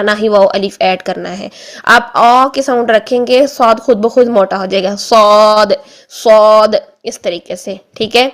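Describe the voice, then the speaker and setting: A young adult woman teaching a tajweed pronunciation lesson, patiently repeating each sound slowly and checking in often with her listeners. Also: fairly high pitch. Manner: checks in often with "theek hai". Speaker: Quran recitation teacher.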